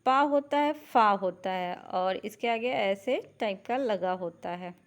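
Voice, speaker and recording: A woman teacher giving a lecture, asking questions and answering them herself, spelling out syllables slowly one by one. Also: medium pitch. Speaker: Ayurveda teacher. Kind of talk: classroom lecture, Sanskrit grammar.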